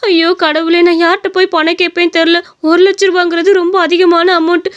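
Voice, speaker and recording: A woman with a Tamil accent voicing a quick-tempered young wife in a cartoon story, scolding and complaining. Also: high-pitched, fairly even intonation, highs cut off, lightly acted. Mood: distressed. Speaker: voice actor.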